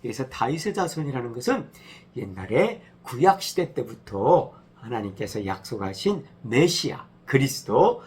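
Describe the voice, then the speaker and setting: A male pastor gently telling a story to children, acting out the cries. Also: medium pitch, breathy edge. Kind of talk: children's sermon.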